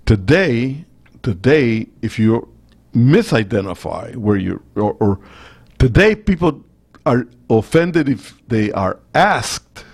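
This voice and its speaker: Middle-aged Costa Rican-accented male talk radio host, gravelly tone, rambling anecdotes. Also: mid-range voice, big pitch swings, takes it slowly. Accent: Costa Rican Spanish. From Costa Rica. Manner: rambling, anecdotal, with many restarts.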